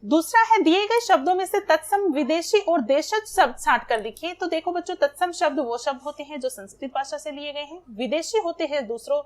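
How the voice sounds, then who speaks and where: A woman's voice: sits high, lively intonation, a little fast, hardly any pauses. Patient woman teaching Hindi to children. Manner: patient, repeats and spells out examples for children. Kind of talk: classroom lesson explaining exercises.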